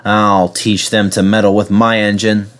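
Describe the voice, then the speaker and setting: A man voicing a hardworking male railway fireman in a storybook, gruff and grim. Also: fairly low pitch, level tone, unhurried, a bit bright.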